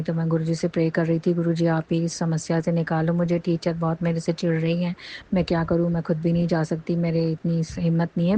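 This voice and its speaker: A woman's voice: on the low side, warm tone. A middle-aged woman telling a long, earnest, rambling story of faith and thanks. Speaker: devotee sharing a testimony. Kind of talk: personal testimony monologue.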